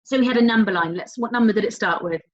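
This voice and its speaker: A woman teaching a recorded primary school maths lesson, talking directly to young pupils in an encouraging, sing-song way with drawn-out key words and prompting questions. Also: medium pitch. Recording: dull, lo-fi sound.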